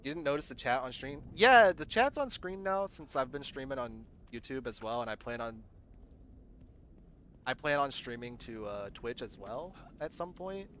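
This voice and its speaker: A man's voice: mid-range voice, expressive, normal speed, a bit bright, a little hiss or hum. A young man from Southern Virginia with a loose mix of American accents, chatting casually on a gaming livestream and answering his chat. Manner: rambling, answers chat, trails off. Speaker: gaming streamer. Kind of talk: casual live-stream chat.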